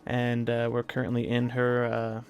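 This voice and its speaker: A man live-streaming a video game, talking casually with a scratchy, hoarse throat and a rambling manner full of fillers and restarts. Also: mid-range voice, monotone, normal speed, faint music behind.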